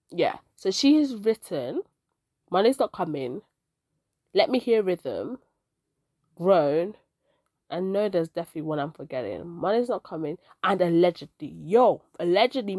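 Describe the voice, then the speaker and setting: Stuffy nasal lady with a cold hosting a book podcast, chatty and excited, dry close sound. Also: medium pitch, no echo. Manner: chatty and excitable, talks straight to listeners. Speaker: podcast host. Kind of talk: casual book review podcast.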